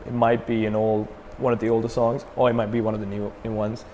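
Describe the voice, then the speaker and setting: A fast-talking young man with a fairly low pitch, the frontman of a Sri Lankan metal band, chats as an interview guest. His manner is relaxed and filled with fillers and restarts, and the recording has a long reverb tail plus a little hiss or hum.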